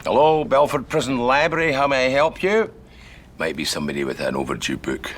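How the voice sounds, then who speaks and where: An actor with a Scottish accent playing a prisoner who holds a hostage, sing-song and mocking, swinging from jovial to threatening. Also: male voice, mid-range voice, big pitch swings, brisk, background noise, lightly acted. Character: charming, menacing male prisoner holding a hostage. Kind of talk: television sitcom acting.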